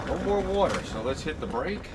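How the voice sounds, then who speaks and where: A man with a fairly high pitch and lively intonation speaks at a moderate pace in a very noisy setting. He keeps up friendly, folksy chatter for viewers as he tries out gardening tools in a hands-on review.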